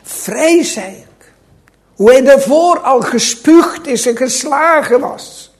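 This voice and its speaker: A man preaching a sermon to his congregation, with a slow, dramatic delivery that swings between loud and hushed. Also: very high-pitched, lively intonation. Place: church.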